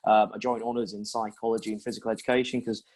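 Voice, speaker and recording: A man's voice: lowish voice, little pitch movement, quick pace, darkish tone. A young man in his twenties from Yorkshire, answering interview questions in a chatty way with many ums. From Yorkshire, England. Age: 20s. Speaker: recruitment consultant, interviewee.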